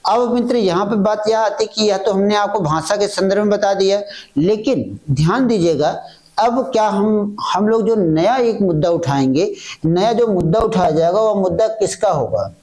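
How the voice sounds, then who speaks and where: High-voiced, mellow male teacher drilling students. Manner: repeats each point with question-and-answer drilling; slow, halting delivery that restates fragments. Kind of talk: exam-prep grammar lecture.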